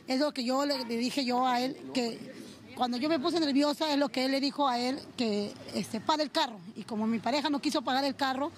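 A woman giving a halting eyewitness account on the street, restarting and repeating her words. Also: sits high, slight background noise. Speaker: eyewitness interviewee. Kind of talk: spontaneous street testimony.

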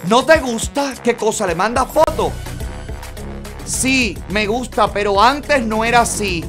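A man hosts a gossip show, reading private messages aloud and reacting with theatrical exclamations. His delivery is flamboyant and dramatic throughout. Faint music plays softly underneath his voice. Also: extremely high pitch, measured pace. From Cuba. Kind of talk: reading chats aloud with commentary.

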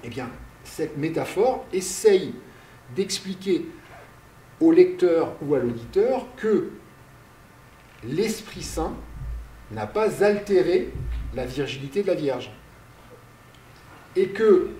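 A male university lecturer giving a public lecture, speaking slowly, explaining step by step, asking and answering his own questions, and calling for the next slide aloud. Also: fairly high pitch, lively intonation, dark tone, a little hiss or hum. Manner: directs slide changes aloud. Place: lecture hall. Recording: roomy, distant lecture hall recording.

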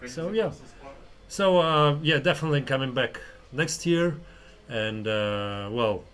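Measured in pace, his medium-pitched voice fairly bright, this Russian-accented man from Russia hosts a laid-back conversation. A stand-up comic and podcast host, he hesitates, wanders off topic and is prone to cursing.

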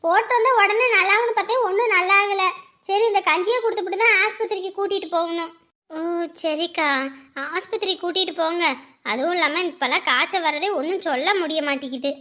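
A woman's voice: very high voice, a little fast, pushed and bright. A woman, chatting and scolding in a neighbourly skit. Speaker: performer voicing village women. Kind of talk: village comedy skit dialogue.

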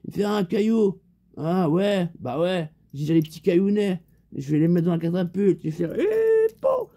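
A man tells a rambling comic story in loose street slang and acts out the back-and-forth of the conversation himself. His voice sits high for a man, yet its tone stays very dark and mellow. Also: normal speed. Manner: rambling street-slang banter, acting out both sides of the dialogue. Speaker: comedian.

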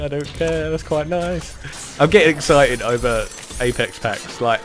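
A young man giving casual, chatty commentary as he opens game loot packs, now and then bursting into excited cheers. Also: medium pitch. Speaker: gaming YouTuber.

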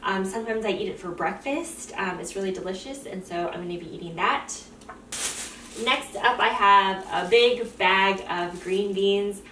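A woman's voice: mid-range voice, a bit bright, echoey room. Upbeat young woman talking to camera, little bit far off the mic, faint hum behind. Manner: upbeat, chatty, lots of "um". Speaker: fitness vlogger. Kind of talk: casual vlog talk. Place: small indoor room for the haul, car for the drive.

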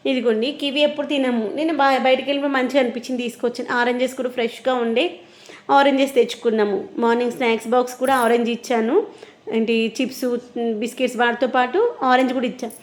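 A woman's voice: a little high, fast talker. A woman. She chats casually to her viewers like a home vlogger, explaining her points in an everyday conversational way. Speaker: vlogger and mother.

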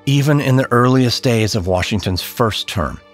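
A man narrating a history podcast from a script, in a measured and solemn storytelling manner. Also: mid-range voice, expressive. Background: faint background music.

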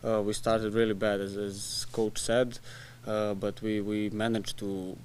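A young man answers reporters after a match, talking in plain, halting bits, restarting phrases, with a soft laugh now and then. His voice sits low and stays flat. The desk mic catches faint room hum. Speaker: soccer player. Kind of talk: post-match press conference. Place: press room in front of a sponsor backdrop. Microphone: desk mic in front of him.

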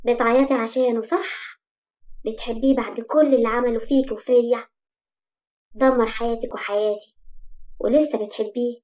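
A woman's voice: a little high, a little fast, long pauses, natural voice. Woman voicing a cold, sardonic rich young man. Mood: bitter. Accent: Egyptian. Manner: flat, icy delivery.

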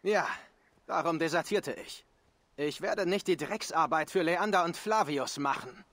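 A man's voice: a little high, unhurried, a bit bright, no echo. A man voicing a frightened, earnest young soldier deserter in a German game dub.

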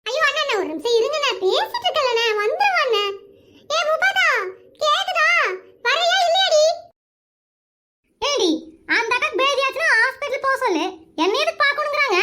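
A shrill, chatty cartoon village woman. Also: sing-song, a little fast, pauses often, sharp tone, a little hiss or hum, heavily acted. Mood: exasperated. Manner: scolding, comic whining. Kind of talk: animated cartoon voice acting.

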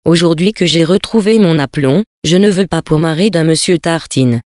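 A reader voicing a practical young woman who lays out her conditions calmly and matter-of-factly, in a storybook reading. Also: medium pitch, normal speed, no room sound, studio quality, lightly acted. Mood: businesslike. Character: practical young Parisian woman, cool and businesslike.

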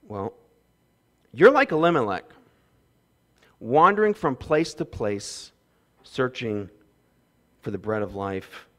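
A man in his thirties preaching a sermon on a church stage through a headset mic, swinging between loud emphasis and quiet asides. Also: lowish voice. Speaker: pastor. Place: church stage with windows behind.

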